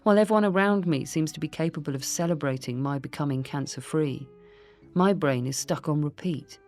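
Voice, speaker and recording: A woman reading her own memoir in the first person, in a quiet, earnest, reflective way. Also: low-pitched, fairly quick, soft background music. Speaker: memoir narrator.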